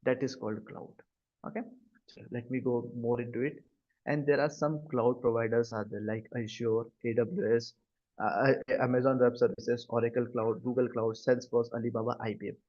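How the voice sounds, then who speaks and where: A man's voice: mid-range voice, little pitch movement, a little fast. A man with an Indian accent teaching a live online class, often checking understanding with short questions over a video call. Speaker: cloud computing instructor. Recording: dull, lo-fi video-call audio.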